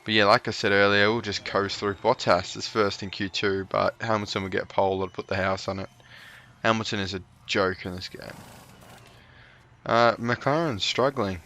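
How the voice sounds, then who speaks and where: Male gaming commentator, casual let's-play chatter, lowish pitch, bright tense tone. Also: steady tone, moderate pace, a little hiss or hum. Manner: chatty, cheers on his drivers, jokey asides. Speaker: gaming YouTuber.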